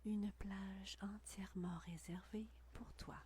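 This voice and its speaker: Whispering woman, very slow, close in your ear. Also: mid-range voice, level tone, mellow, slight background noise. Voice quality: breathy, whispered. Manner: slow, soothing, unhurried phrasing with long pauses. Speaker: guided meditation narrator. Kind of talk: guided meditation, scripted narration.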